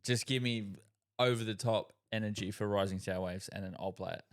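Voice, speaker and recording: A man's voice: lowish voice, steady tone, fairly quick. A man co-hosting a podcast in casual chat, laid-back and laughing easily, swearing often. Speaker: podcast co-host.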